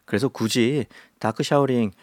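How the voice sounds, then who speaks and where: A man appearing as a guest writer on a radio talk segment, explaining a topic to the host in a steady, informative way. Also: mid-range voice, moderate pace, dry recording, studio quality.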